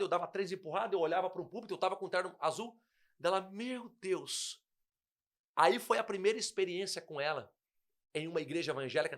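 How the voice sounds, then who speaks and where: A young man with a high-pitched voice gives a personal testimony in a casual chat. He tells the story with feeling and acts out the dialogue as he goes. The talk is earnest and personal. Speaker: guest pastor.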